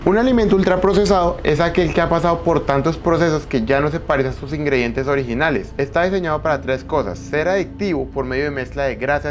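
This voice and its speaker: A man's voice: on the high side, a little hiss or hum. Emphatic man explaining to camera. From Colombia. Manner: emphatic, addresses the viewer directly with formal usted. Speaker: YouTube host. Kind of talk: explainer video commentary. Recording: faint background music.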